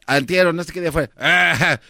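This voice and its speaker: A man works as co-host on a talk radio show, arguing back and interrupting often. His voice is a bit higher than average. The sound is dry and close-miked. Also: normal speed, creaky, sharp tone, no echo. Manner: argumentative, interrupting. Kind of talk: casual radio banter.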